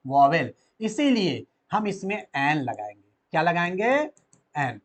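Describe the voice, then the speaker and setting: A man's voice: fairly high pitch, huge pitch swings, takes it slowly. Male teacher quizzing pupils. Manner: asks pupils questions and answers them himself. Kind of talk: classroom grammar lesson.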